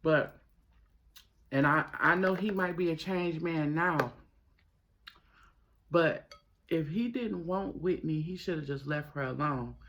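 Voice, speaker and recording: A man hosting a mukbang, talking casually to viewers with his mouth sometimes full, gossipy and emphatic, pausing and repeating phrases. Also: on the high side, noisy background. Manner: talks while eating, mouth sometimes full. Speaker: mukbang host. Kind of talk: casual chatty commentary to viewers while eating.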